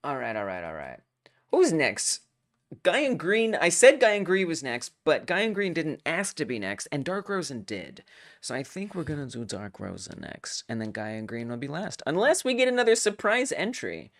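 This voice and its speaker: Low-voiced, lively young woman. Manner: excitable, self-mocking, quick to laugh. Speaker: host of a game jam stream. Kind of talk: casual live-stream chat.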